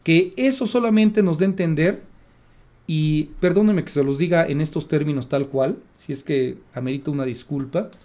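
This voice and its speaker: A man's voice: a little high, moderate pace, mellow. A man with a Mexican accent, giving sarcastic, indignant opinion commentary as a radio host.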